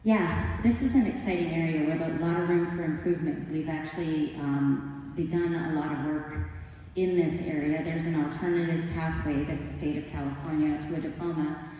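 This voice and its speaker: A man answering at a candidate forum in a plain, measured, matter-of-fact way. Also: a little high, steady tone, dark tone. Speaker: school board candidate. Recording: echoey hall, distant mic, faint hum.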